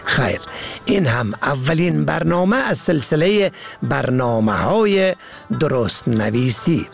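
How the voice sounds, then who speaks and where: A man with an Afghan Dari accent presenting a scripted language lesson, slowly spelling words out letter by letter. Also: on the high side, big pitch swings, gravelly, over music. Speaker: radio presenter of a language program. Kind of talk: scripted educational reading.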